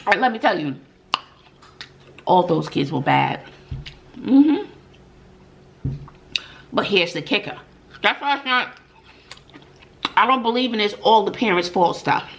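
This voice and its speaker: A middle-aged woman, a mukbang vlogger who also teaches middle school, casually shares stories and opinions with her viewers, speaking emphatically, asking rhetorical questions and often saying "mm-mm." Her mid-range voice is expressive, a bit bright and creaky, at a moderate pace with long pauses. There is slight background noise.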